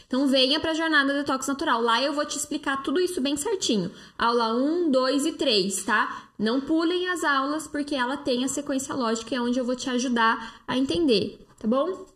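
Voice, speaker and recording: A woman's voice: high voice, a bit bright. A woman with a Brazilian Portuguese accent, hosting a live stream and answering viewer comments in a chatty, persuasive way with frequent fillers. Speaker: live-stream host, detox coach. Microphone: phone close-up.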